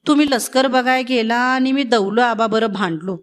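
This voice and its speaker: A woman's voice: fairly high pitch, moderate pace, close to an everyday voice. A woman reading the part of an anxious village man pleading in rustic dialect.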